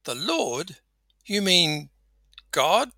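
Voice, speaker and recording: A man voicing a panicked man clinging to a cliff branch, yelling and pleading for help. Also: high voice, big pitch swings, extremely slow, dry recording, pitched above the performer's own voice, exaggerated voice. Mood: bewildered.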